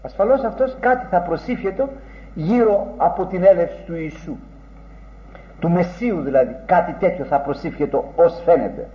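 A man with a high-pitched voice delivers an earnest, rhetorical sermon, leaning on old-fashioned phrasing. The recording is dull and muffled, and it rings in a roomy space. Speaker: preacher. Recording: dull, echoey room recording.

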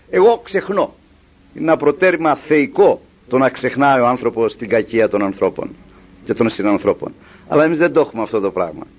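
A high-voiced man preaching with a lively, swooping delivery. He acts out little dialogues along the way. The recording is dull and lo-fi. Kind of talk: sermon.

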